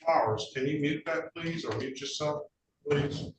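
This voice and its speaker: Captured from a distance in an echoey, noisy courtroom, this male judge presides over traffic cases in a fairly high-pitched voice. His speech stops and starts, with repeated words and folksy side remarks.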